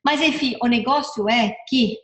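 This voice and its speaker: Speaking in an echoey room, this middle-aged personal development speaker delivers an informal motivational talk, chatting along and frequently repeating or correcting herself. Her voice is a little high and a bit bright, at a normal speed.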